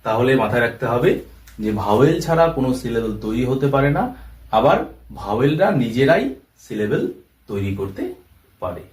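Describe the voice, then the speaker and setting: A man's voice: mid-range voice, lively intonation, fairly quick, long pauses. A man explaining a language lesson step by step, repeating each term and example. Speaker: English teacher. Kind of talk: classroom-style lesson explanation. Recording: roomy echo, voice from far off the mic.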